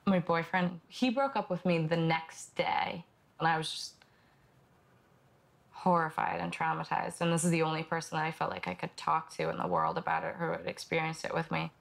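A young woman giving documentary testimony, speaking softly and haltingly with many pauses and fillers. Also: deep voice, steady tone, gravelly. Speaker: interviewee. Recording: documentary with guitar music underneath.

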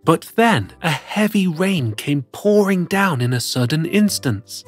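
Speaking as a cheerful plush cat, a storyteller host reads picture books to children with theatrical, sing-song expression. The medium-pitched voice is lively and unhurried, recorded dry with faint music behind it.

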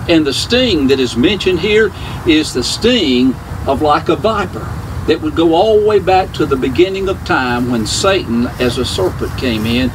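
An older man preaching at a graveside as pastor, reading scripture and speaking in a measured, earnest way with deliberate pauses. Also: on the high side, expressive. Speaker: pastor officiating a funeral. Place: outdoors under a cemetery tent. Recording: outdoor noise, distant camera recording.

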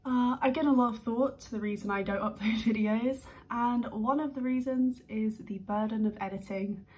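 A young woman from the UK in a sit-down vlog, talking in a nervous, rambling way with quick bursts and restarts. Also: fairly high pitch, fairly even intonation, darkish tone. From United Kingdom. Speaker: vlogger.

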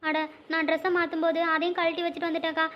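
A woman voicing a cheeky, quick-witted young woman who throws in sarcastic asides. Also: extremely high pitch, completely flat delivery, slight background noise. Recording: dull lo-fi sound.

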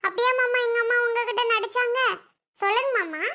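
A woman's voice: extremely high pitch, brisk, bright, forceful tone, voice pushed up. Woman doing a whiny little girl. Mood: pleading. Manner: whiny, pleading. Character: little girl, pleading and tattling.

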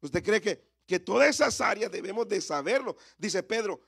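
A man in his thirties preaches at a church service, his voice sitting a touch high. He keeps turning to the congregation with rhetorical questions and calls for their response. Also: expressive, normal speed, gravelly, fairly bright tone, husky. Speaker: pastor. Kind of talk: sermon.

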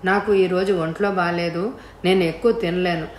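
A woman voicing a reserved young man who speaks softly and formally. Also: lowish voice, fairly even intonation, normal speed, roomy sound, slight background noise, close to an everyday voice. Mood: subdued.

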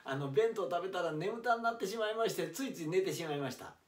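A man voicing an excitable Kansai-dialect laborer who is a devoted fan, loud and lively. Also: high voice, fast talker. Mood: eager. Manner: loud, excitable, shouting at times. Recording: roomy, distant mic.

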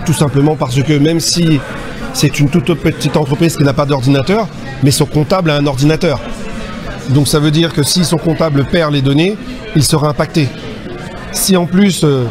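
A man giving an earnest, explanatory press interview at an indoor event, with filler pauses. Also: fairly high pitch. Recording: music underneath.

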